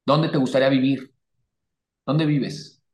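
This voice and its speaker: A man giving blunt, profane motivational advice to a caller, forceful and animated. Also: medium pitch, measured pace, roomy sound. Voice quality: crude, swearing, forceful and animated.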